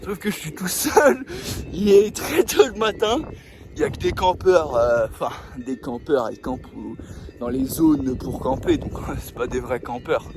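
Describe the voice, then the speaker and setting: A man's voice: medium pitch, animated, a little slow, noisy background. A man vlogging casually outdoors, joking and swearing in loose slang as he talks to the camera. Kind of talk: casual outdoor vlog chat. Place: outdoors on a mountainside.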